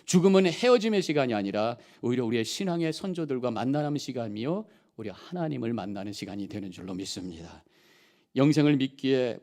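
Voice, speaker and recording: Middle-aged male pastor, sermon delivery, impassioned swells and soft drops, mid pitch. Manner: impassioned, swells loud on key phrases, then drops soft.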